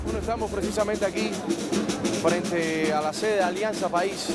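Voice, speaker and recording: A man's voice: sits high, moderate pace. A man reporting outdoors and asking pointed questions. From Cuba. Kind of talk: field reporting and interviewing. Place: outdoors in a crowd. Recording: loud crowd and music.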